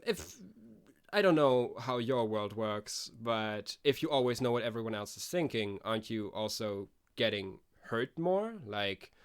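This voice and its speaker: A man's voice: on the low side, expressive, unhurried, smooth. A man voicing a weary female government agent in a suit in a tabletop role-play, patient but exasperated and tripping over his words. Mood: explaining.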